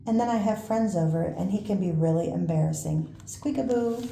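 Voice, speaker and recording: An older woman reads a children's storybook in a grandma voice. Her tone is very mellow and dark, with a gravelly creak. She takes her time with expressive pauses and small asides, recorded in an echoey room. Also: lowish voice. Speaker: grandmother reading picture books to a baby. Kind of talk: read-aloud children's storytelling. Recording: roomy echo, faint background noise.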